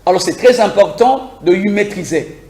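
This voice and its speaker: A man teaching a beginners' English lesson on air, lively and repetitive, asking listeners to repeat phrases after him. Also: high-pitched, moderate pace, roomy sound. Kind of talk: live broadcast English lesson.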